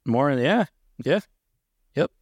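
A man's voice: a little high, animated, slow, darkish tone, slightly rough, no echo, studio quality. A man co-hosting a wrestling podcast, enthusiastic, reading out title history in casual chat. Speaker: podcast co-host.

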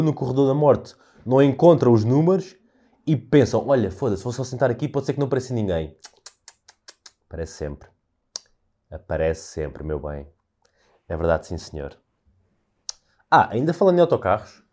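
A young man with a European Portuguese accent talks alone into his podcast mic, spinning everyday stories into an animated rant full of casual swearing. His voice is mellow and warm, sitting at an ordinary pitch. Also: moderate pace, pauses often. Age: young adult. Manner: animated storyteller, ranting, swears freely. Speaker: podcast host. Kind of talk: casual solo podcast monologue.

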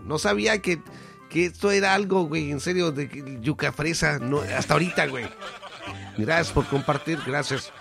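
A man's voice: medium pitch, gravelly. A man with a Mexican accent hosting a podcast, joking around with crude slang and lots of filler. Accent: Mexican Spanish. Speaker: podcast host. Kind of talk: casual podcast chat.

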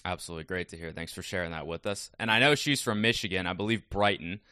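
Upbeat male interviewer with a bright, punchy voice and dry, close sound. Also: low voice, fast, clean tone, no echo. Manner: upbeat, chatty questioning. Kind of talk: casual interview questions.

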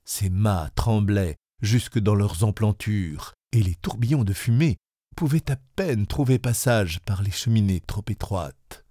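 A man narrating an audiobook in the first person, in a measured, steady way. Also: fairly low pitch, no echo, clean studio sound.

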